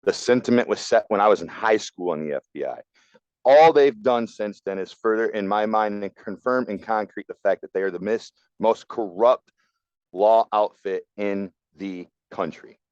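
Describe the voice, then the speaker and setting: Blunt low-voiced man on a podcast. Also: moderate pace, darkish tone, clear, resonant tone, no room sound, lo-fi sound. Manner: blunt and opinionated. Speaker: podcast co-host. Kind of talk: casual political talk.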